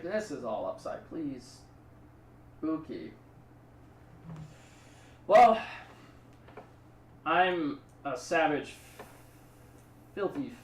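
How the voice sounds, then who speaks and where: Dude streaming a card game, just kinda rambling along, echoey room w/ faint hiss. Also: male voice, fairly high pitch, distant mic. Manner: rambling, chatty, thanks subscribers. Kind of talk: casual live-stream commentary.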